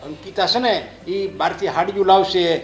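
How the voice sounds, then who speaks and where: A man's voice: high voice, normal speed, echoey room, soft background music. An actor playing a blunt, superstitious father-in-law who scolds his family, in a short drama. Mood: stern. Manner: scolding, lecturing.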